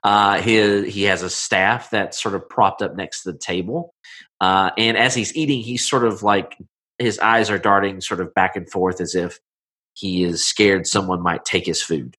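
A man improvising narration as game master of a tabletop game, informal, halting and folksy. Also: low voice, steady tone, bright, forceful tone.

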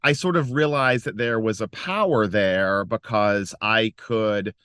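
Bright-voiced American man, dry closet sound. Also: on the low side, unhurried, clear, resonant tone, no room sound. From Western North Carolina, United States. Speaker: podcast guest, social impact entrepreneur. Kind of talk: casual interview chat.

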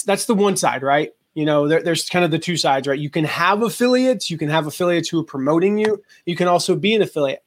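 A man in his forties, a guest on a talk show, telling animated stories and acting out the people in them. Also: fairly high pitch, slight background noise. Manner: animated storyteller, acts out quoted voices. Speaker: guest, affiliate marketing entrepreneur. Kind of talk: casual interview storytelling.

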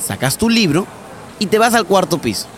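A man's voice: high-pitched, big pitch swings, moderate pace, a bit bright, a little hiss or hum. A man playing a young male student who patiently shows a friend around, with sarcastic asides, in a radio comedy. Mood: explaining, teasing.

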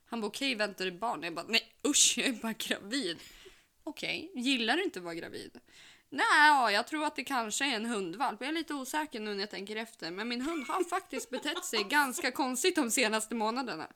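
A young woman with a bright, sharp voice that sits fairly high. She tells a story in casual chat and acts out both sides of the conversation, quick and giggly, in her own voice. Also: animated. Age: young adult.

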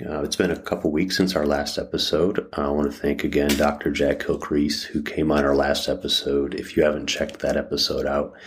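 A man hosting a podcast, talking casually from inside a closet of a rented room, halting and thinking aloud with many restarts. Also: a bass voice. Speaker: podcast host. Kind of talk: casual solo podcast talk.

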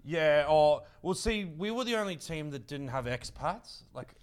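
A man's voice: a little high, animated, measured pace, clear, resonant tone. A man with an Australian accent chatting casually, telling stories in a slangy, blokey, rambling way. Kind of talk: casual banter and storytelling.

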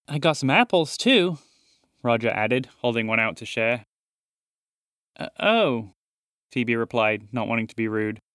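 A man calmly reading a children's storybook aloud. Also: mid-range voice, no room sound, studio quality. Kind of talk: storybook narration.

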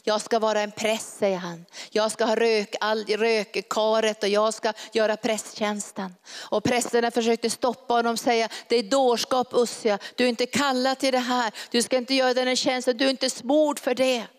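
Fervent woman preacher, fairly high voice, flat delivery, long church-hall reverb. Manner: fervent, emphatic preaching with dramatic pauses. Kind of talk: sermon.

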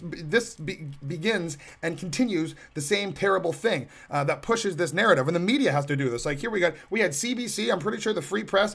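A man delivers a solo podcast rant in a high, gravelly voice. He mocks and scoffs, circling back with many restarts. The sarcasm never lets up. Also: fairly bright tone. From Canadian prairies. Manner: sarcastic and mocking, rambling with restarts. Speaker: podcast host.

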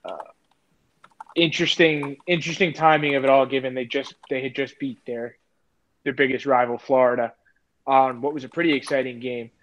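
A podcast co-host chats about sports in a mid-range, slightly bright voice, keeping a steady tone and moderate pace. He's hesitant, full of fillers and restarts, and the recording has a dull lo-fi quality with faint noise.

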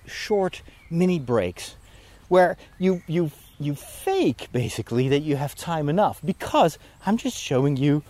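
Man, walking vlog, outdoors in woods, out of breath, warm mellow tone, rambling asides. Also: fairly high pitch. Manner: rambling, self-deprecating asides. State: tired, out of breath. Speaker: priest and vlogger. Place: outdoors in woods, climbing a hill.

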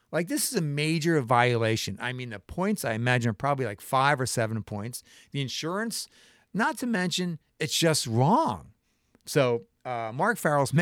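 A man's voice: mid-range voice, no room sound, clean studio sound. A middle-aged man hosting his own show in a casual solo monologue, impassioned, full of restarts and rhetorical questions. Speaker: show host.

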